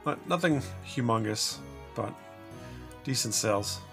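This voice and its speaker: Gravelly man chatting through a vlog. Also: mid-range voice, lively intonation, a little slow, music in the background. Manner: chatty, rambling, asks viewers for help. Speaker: storage unit reseller. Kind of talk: casual vlog walkthrough. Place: cluttered home storage room.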